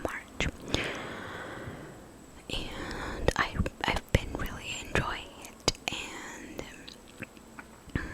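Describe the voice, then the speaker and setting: A young woman speaks in a hushed, breathy whisper at a very unhurried pace. She rambles casually in an ASMR style, halting and conversational as she goes. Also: rough recording. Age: young adult. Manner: hushed voice, pure unvoiced whisper. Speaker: ASMR content creator.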